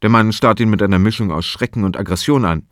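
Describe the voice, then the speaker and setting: A man narrating a crime audiobook in a calm, even storytelling manner. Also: fairly low pitch, fast, no room sound, clean studio sound. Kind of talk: scripted narration.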